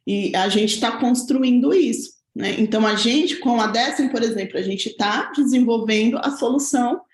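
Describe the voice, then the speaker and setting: A woman's voice: a little high, normal speed, roomy sound. A woman teaching a parenting lesson from home, explaining step by step and often checking in with tag questions. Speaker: parenting educator. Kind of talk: talking-head parenting lesson.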